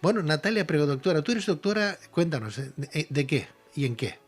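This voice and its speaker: A man's voice: a little high, sing-song, a little fast, breathy edge, faint music behind. A man hosting a live online talk show, chatty and rambling, often repeating himself as he speaks. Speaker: host.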